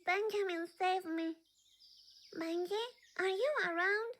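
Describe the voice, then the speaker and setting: Very high, childlike little game girl. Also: steady tone, takes it slowly, fairly bright tone, heavily acted. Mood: searching, worried. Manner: childlike, earnest. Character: sweet, plucky, naive eight-year-old little girl. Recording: video game audio with music behind.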